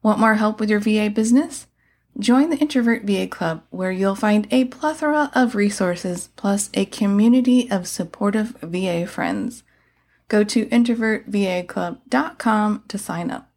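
A woman's voice: medium pitch, moderate pace, darkish tone. Upbeat, tidy female podcast advice host. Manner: upbeat, tidy advice-vlogger delivery with playful casual asides. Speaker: podcast host and mentor for virtual assistants. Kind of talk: scripted solo podcast advice.

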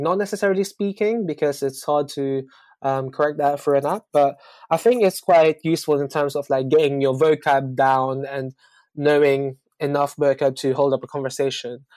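A man's voice: fairly high pitch, steady tone, normal speed, darkish tone, dry recording. Hesitant man chatting, dry close sound. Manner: hesitant, many ums and restarts. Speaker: guest on a language-learning discussion. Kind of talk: casual chat.

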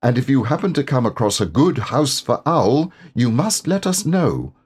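Man as a brisk storybook rabbit, busy, bossy, lively swooping pitch, slightly husky. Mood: busy, distracted.

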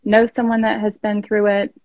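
A woman in her thirties, a podcast guest, talking slowly and reflectively, often repeating herself in casual chat. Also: medium pitch, monotone, a little mellow, dry recording, highs cut off.

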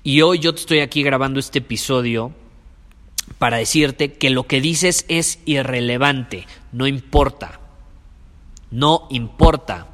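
A man's voice: mid-range voice, measured pace, fairly bright tone, in a large hall. A man with a Mexican Spanish accent hosts a podcast as a sales coach, speaking with emphasis, preaching and repeating his key phrases. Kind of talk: motivational monologue.

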